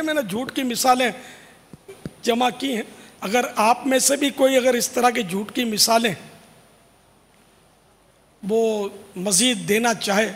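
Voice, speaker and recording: His pitch is extremely high, gravelly, and a bit bright: a male religious scholar addressing a big crowd, explaining and admonishing as he answers religious questions. Faint noise and a long hall reverb color the recording.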